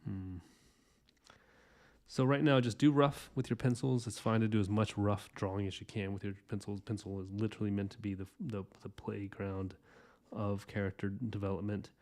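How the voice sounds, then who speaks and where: Thirtysomething guy rambling thru a drawing lesson, lowish voice, kinda warm, lots of restarts. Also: little pitch movement, normal speed. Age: 30s. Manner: rambling, loose and chatty, lots of fillers and restarts. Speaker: artist hosting a drawing podcast. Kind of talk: casual drawing tutorial while sketching.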